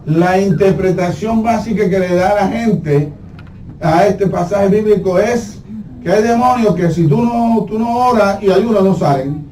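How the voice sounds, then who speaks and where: Pastor preaching in an echoey church. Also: male voice, high voice, measured pace, dark tone, far from the mic. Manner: storytelling with humor, acting out voices. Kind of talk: sermon. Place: church sanctuary. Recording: echoey hall from afar, faint noise.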